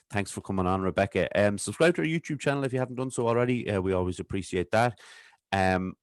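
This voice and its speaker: A man's voice: lowish voice, dry recording. An Irish man hosting a podcast in a casual, rambling way, often restarting his sentences. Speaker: podcast host.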